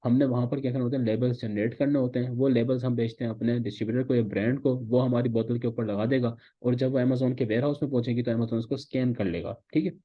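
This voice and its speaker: Fast-talking man teaching. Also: medium pitch, steady tone, phone-quality sound. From Pakistan. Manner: repeats "theek hai" as a check-in, explains step by step. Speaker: course instructor. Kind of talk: recorded online lecture.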